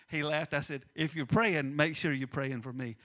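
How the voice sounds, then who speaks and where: A middle-aged man preaching a sermon, swinging between loud emphasis and hushed asides. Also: fairly high pitch, fairly even intonation, a little slow. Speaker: pastor.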